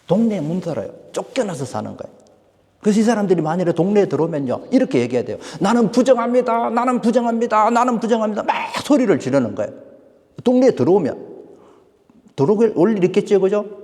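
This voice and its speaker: A man preaching a sermon to a church congregation, animated and full of questions put to the listeners. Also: on the high side. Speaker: pastor. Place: church sanctuary. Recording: long hall reverb.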